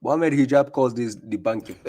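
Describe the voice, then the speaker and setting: A man's voice: mid-range voice, a little fast, dark tone. A Ghanaian man hosting a live stream, reacting to clips with mocking commentary, laughing often and repeating himself.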